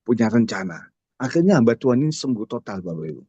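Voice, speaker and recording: An Indonesian man in his sixties tells a story as a testimony at a prayer fellowship, speaking directly to the congregation. His medium-pitched voice is sing-song, fast, mellow, and husky. The recording sounds dull and dry.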